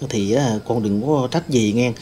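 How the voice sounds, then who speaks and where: Casting note: a man as a grieving young male ghost, mellow voice, rambling telling. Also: mid-range voice, a little slow, slight background noise, natural voice. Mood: sorrowful. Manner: rambling storytelling, many fillers. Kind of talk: staged ghost-hunting role-play.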